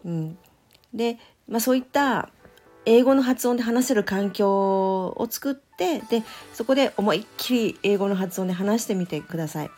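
A woman who teaches English pronunciation, talking alone on her podcast in a gentle, thoughtful way with many small fillers. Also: medium pitch, lively intonation, moderate pace, faint music behind. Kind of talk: solo podcast talk.

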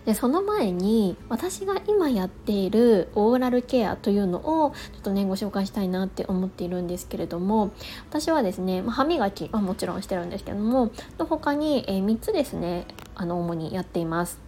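Female host, soft mellow tone, casual and polite solo talk, faint ambient noise behind. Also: mid-range voice, animated, fairly quick. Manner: polite, conversational, explanatory. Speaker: host of a daily morning radio-style show.

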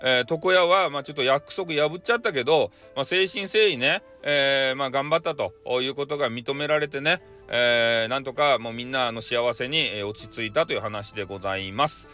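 A man's voice: mid-range voice, brisk, hardly any pauses, pushed and bright, soft background music. A man with a Hakata accent casually retelling a folk tale for bedtime, playful and rambling. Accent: Hakata dialect. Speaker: storyteller.

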